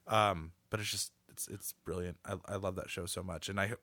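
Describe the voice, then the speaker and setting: A man's voice: deep voice, steady tone, brisk, pushed and bright, no room sound. A man co-hosting a gaming podcast, talking with enthusiasm and casual swearing. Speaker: podcast co-host. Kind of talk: casual chat.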